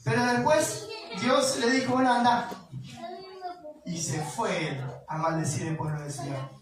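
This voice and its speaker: A woman's voice: low-pitched, normal speed, noisy background. A woman with an Argentine accent preaching a sermon, retelling a scripture story in a casual way with chuckles and asides. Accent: Argentine Spanish. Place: church hall. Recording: echoey church hall, distant mic, congregation. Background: congregation answering amen.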